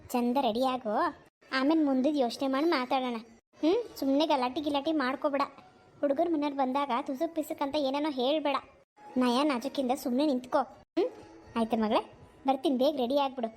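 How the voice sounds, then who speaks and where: A woman's voice: high voice, steady tone, fairly quick, darkish tone, pitched below the performer's own voice, natural voice. A woman voicing an anxious village mother who coaxes her daughter in a cartoon. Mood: coaxing. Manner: coaxing, scolding. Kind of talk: cartoon voice acting.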